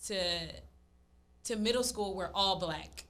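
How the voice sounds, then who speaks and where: A woman's voice: mid-range voice, slow pace, a bit bright, a little hiss or hum. A woman from Texas, co-hosting a casual podcast chat and talking freely with laughing asides. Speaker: podcast co-host.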